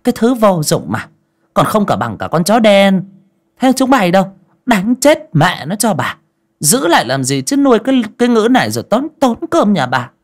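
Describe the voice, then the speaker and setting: A man's voice: high-pitched, huge pitch swings, moderate pace, pitched above the performer's own voice. A man voicing a fat, cruel landlord's wife who snaps and scolds harshly in a storybook reading. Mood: scolding shrill.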